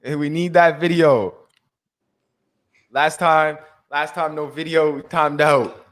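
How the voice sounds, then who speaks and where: A man's voice: a little high, fairly even intonation, slow pace, a bit bright. Laid-back man hosting a live chat. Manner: laid-back, encouraging, Rasta greetings. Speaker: host. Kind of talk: casual conversation on a live stream.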